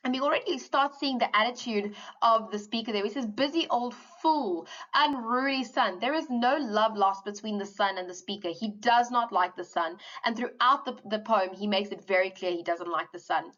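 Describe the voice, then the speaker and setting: A woman teacher giving a poetry lesson, explaining eagerly and slowing down to read quoted lines. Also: medium pitch, muffled recording. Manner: animated explaining, reads quoted lines slowly.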